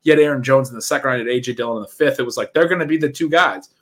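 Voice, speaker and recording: A man hosting a fantasy football podcast, talking quickly and chattily in a casual sports conversation and laughing easily. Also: mid-range voice, fairly bright tone.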